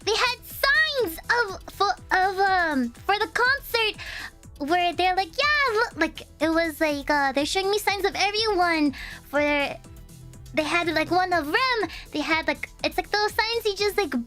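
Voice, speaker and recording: Very high, bright-voiced bubbly woman. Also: animated, a little slow, soft background music. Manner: bubbly, chatty, rambling with many fillers. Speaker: VTuber streamer. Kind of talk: casual livestream chat.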